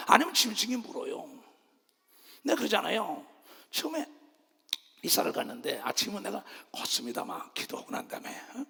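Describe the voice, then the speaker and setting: A man preaching a sermon as pastor, swinging between loud shouting and low murmurs and calling the congregation to clap and raise their hands. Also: creaky, in a large hall.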